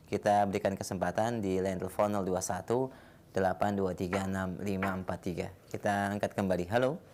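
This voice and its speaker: Low-voiced broadcast moderator man. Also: darkish tone. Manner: formal announcer's delivery. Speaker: broadcast moderator taking calls. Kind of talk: broadcast presenting.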